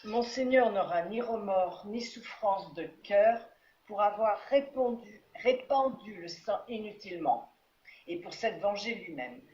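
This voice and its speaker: A woman student reading aloud in an online class, sounding out words haltingly. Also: mid-range voice, animated, darkish tone, slight background noise. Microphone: video call. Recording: echoey dull video-call audio.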